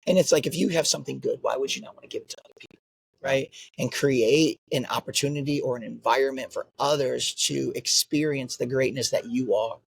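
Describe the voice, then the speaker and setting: A man who runs a martial arts school talks earnestly in an interview, often finishing his points with "right?" as a tag. His voice is mid-range and a little fast, with vocal fry and a breathy edge, and the audio quality is poor.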